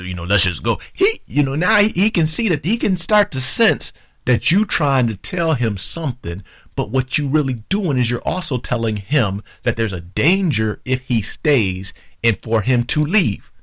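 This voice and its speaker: A man hosting a talk show, giving relationship advice to women in an animated, informal way and acting out both sides of an argument. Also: medium pitch, normal speed, no echo, clean studio sound. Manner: informal, conversational, addresses the audience directly.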